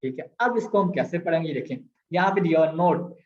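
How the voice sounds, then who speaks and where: A man's voice: fairly high pitch, animated, a little fast, a little mellow. A man with a Pakistani Urdu accent teaching a language lesson, patiently repeating sounds and mixing in English. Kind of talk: explaining grammar with screen examples. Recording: echoey, slightly dull sound.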